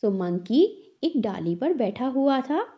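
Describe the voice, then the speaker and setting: Patient woman teacher, lively pitch, dull sound. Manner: drills words slowly, repeating each several times; switches between English and Hindi, checking with "right?". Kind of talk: worksheet lesson for young children.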